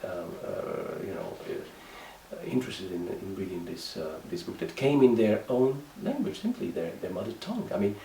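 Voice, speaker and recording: Here a Moroccan man, a writer and native Moroccan Arabic speaker, haltingly answers in English during an interview monologue, filling gaps and restarting often with a Moroccan accent. His deep, gravelly, mellow voice swings hugely in pitch. The echoey room, distant mic, and faint background noise are audible.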